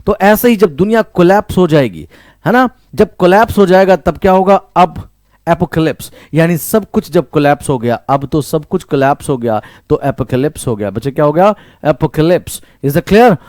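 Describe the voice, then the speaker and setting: A man with an Indian English accent gives an online vocabulary lesson, repeating each word, quizzing the listener, and mixing Hindi with English phrases. His voice is on the high side and darkish, with lively intonation at normal speed, in a clean studio recording with no room sound.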